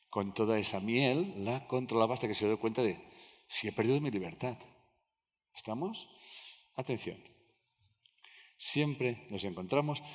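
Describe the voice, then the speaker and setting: A man giving a live lecture to an audience, telling anecdotes, acting out dialogues and often checking that listeners follow. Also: medium pitch. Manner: talks with the audience, acts out dialogues, asks "¿me siguen?" often. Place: large lecture hall with audience. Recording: reverberant hall.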